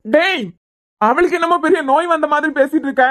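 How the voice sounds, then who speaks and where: A woman's voice: mid-range voice, a little fast, lightly acted. A woman voicing a protective, hot-tempered young father in a cartoon series, with a Kanyakumari Tamil accent. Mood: anxious. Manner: forceful, reassuring to family.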